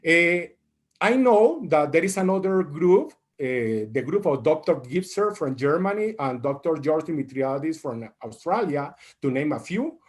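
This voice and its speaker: A man with a somewhat high voice speaks earnestly over a video call. He leans on key words as he presents. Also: darkish tone. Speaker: guest speaker. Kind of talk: prepared talk on a video call.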